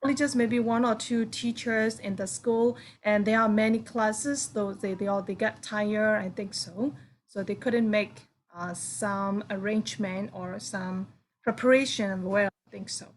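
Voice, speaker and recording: A woman teaching informally, explaining haltingly and often checking with the listener. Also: mid-range voice, steady tone. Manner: halting explanations with checking "right?" and "you know". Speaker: English teacher. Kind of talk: informal class discussion. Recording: clear background noise.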